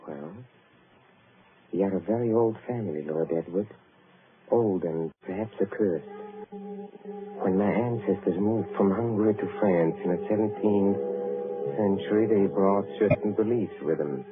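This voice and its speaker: Low-voiced menacing count, silky 1940s radio villain, thin tinny broadcast sound. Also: male voice, a little slow, pauses often, over music. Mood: ominous. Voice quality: deep and theatrical, with sly chuckles. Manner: suave storytelling turning darkly ominous. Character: sinister aristocratic count, old accursed family, menacing host. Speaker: count, lord of a chateau.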